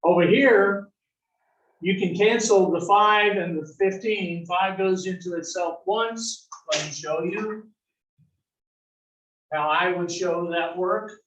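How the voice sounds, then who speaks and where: This algebra instructor, a man from the south-central US, lectures with folksy charm, corny jokes and frequent "right?" check-ins. He has a high-pitched, fairly bright voice and takes things slowly, captured by a distant mic in an echoey classroom.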